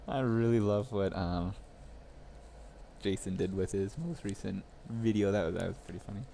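A man's voice: fairly low pitch, unhurried, vocal fry, long pauses, mellow, slight background noise. A young man chatting casually with viewers on a live stream while repairing a phone at his workbench, rambling and laughing as he goes.

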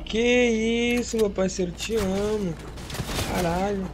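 A young man from talks slang-heavy with a teammate over a game. He is excitable and now and then bursts out loud. The stream audio carries a clear layer of noise. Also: sits high, slow. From Amapá, northern Brazil. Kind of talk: casual gaming chat with a teammate.

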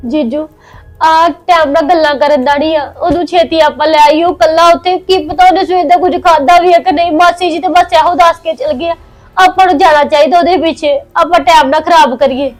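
A woman's voice: very high-pitched, steady tone, faint music behind. A woman playing a younger sister-in-law in a family drama, anxious and in a hurry. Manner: anxious, hurried. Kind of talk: Punjabi family web drama acting.

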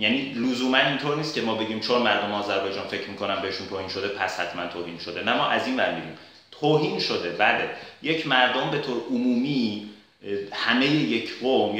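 A man giving an argumentative spoken commentary, pausing often with filler sounds as he builds his case. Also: fairly low pitch, pushed and bright. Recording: very echoey room.

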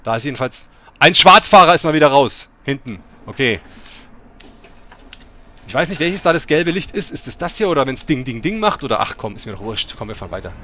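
A man's voice: medium pitch, big pitch swings, fairly quick, sharp tone, a little hiss or hum. A middle-aged man hosting a bus simulator let's play, chatting and breaking into sudden swearing rants. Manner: swears and rants in angry outbursts.

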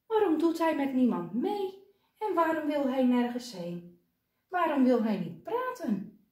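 Expressive woman reading a children's book. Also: sits high, roomy sound. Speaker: storybook reader.

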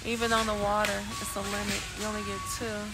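A Californian woman with a medium-pitched, fairly flat voice talks quickly over loud music while vlogging from her car and then through a large warehouse store. Holding her phone at arm's length, she chatters along, repeating items she spots. The low-quality phone audio carries loud store background noise.

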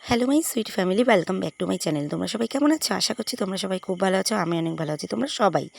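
A woman with a hoarse voice from a cold, chatting in a rambling, filler-heavy way as she vlogs her morning at home. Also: mid-range voice, lively intonation, quick pace, no room sound. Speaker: vlogger. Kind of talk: casual home vlog chat.

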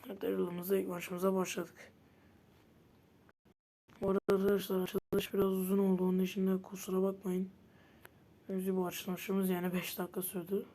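A woman talks through her gameplay in a casual, chatty way. Her voice is soft and mellow rather than bright. She gets easily frustrated and often breaks into loud protests. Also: medium pitch, monotone, moderate pace, pauses often, a little hiss or hum. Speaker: gamer.

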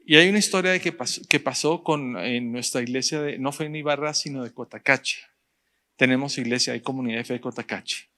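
A man, a pastor preaching a sermon in church, speaking directly to the congregation and slowing down to stress his points. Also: medium pitch, pushed and bright. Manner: direct, addresses the congregation, rising emphasis and slow stressed phrases.

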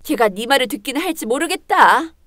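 A cold, scolding mother-in-law with a high, sharp voice, as a woman puts her on. She belittles and nags in a dramatized story reading, recorded dry and close. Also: expressive, brisk, no echo. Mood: complaining. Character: harsh, scornful older Korean mother-in-law.

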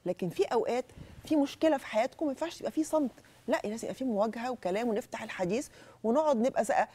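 An Egyptian woman holds her own on a television panel, talking very fast and emphatically. Her tone is mellow and dark, even when she pushes back. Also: a little high, slightly rough. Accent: Egyptian Arabic. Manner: argumentative, emphatic. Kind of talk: TV panel debate.

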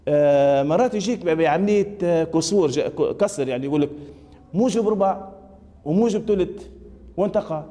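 A man's voice: fairly high pitch, brisk, warm tone, big-room sound. A man with a Libyan Arabic accent teaching a math lesson, asking students questions and repeating their answers. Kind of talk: classroom lesson.

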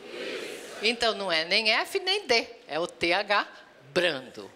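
A woman from Brazil co-hosting a bilingual English pronunciation lesson, modeling words slowly and clearly for students to repeat. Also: mid-range voice, wildly swooping pitch, sharp tone, in a large hall, slight background noise. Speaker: English teacher co-host.

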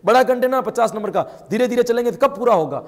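A man teaching an exam coaching lesson, talking rapidly and emphatically, firing rhetorical questions and calling his students friends and brother. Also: extremely high pitch, expressive, long reverb tail. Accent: Rajasthani Hindi. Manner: addresses viewers as friends and brother.

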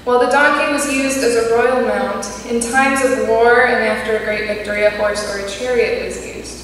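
A young woman preaching a sermon from a pulpit, reading in a measured way. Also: on the high side, fairly even intonation, a bit bright, slight background noise. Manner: measured, read from notes at a pulpit. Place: church sanctuary. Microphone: pulpit mic at a distance. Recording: echoey church hall, distant mic.

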